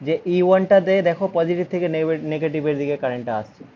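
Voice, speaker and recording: A man's voice: fairly high pitch, fast, dull audio, slight background noise. A man with a Bengali accent teaching a physics lesson, patiently explaining step by step.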